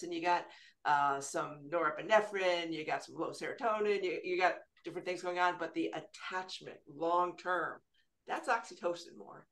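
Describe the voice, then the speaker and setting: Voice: mid-range voice, a bit bright. Host explaining love's brain chemistry. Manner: explanatory, lecturing on brain science. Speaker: podcast host. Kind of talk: podcast panel discussion.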